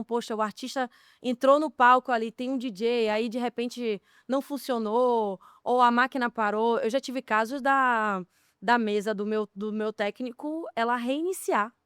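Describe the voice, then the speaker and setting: Smooth-voiced woman hosting a podcast. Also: fairly high pitch, no echo, clean studio sound. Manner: relaxed anecdotal storytelling, asking questions. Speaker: podcast host. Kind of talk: casual conversational interview.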